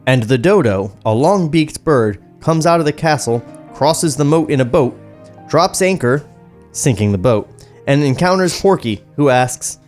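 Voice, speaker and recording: A man hosts a podcast, reading screenplay stage directions aloud into a studio microphone as podcast host and script narrator. His voice is a little high, expressive and unhurried, with soft music playing behind him.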